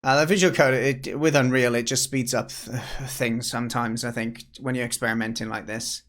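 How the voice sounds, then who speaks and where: A man from the UK chats with viewers during a game development livestream, sounding tired and worn. He thinks aloud and keeps restarting his sentences. His voice sits at an ordinary middle pitch. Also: steady tone, normal speed, fairly bright tone. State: tired, yawning. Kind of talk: casual livestream chat.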